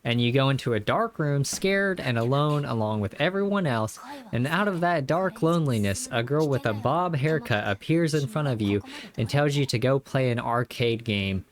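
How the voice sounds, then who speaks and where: A mid-pitched male reviewer recaps a video game at a normal speed with lively intonation. His narration is scripted yet casual, and he leans heavily on tongue-in-cheek exaggeration.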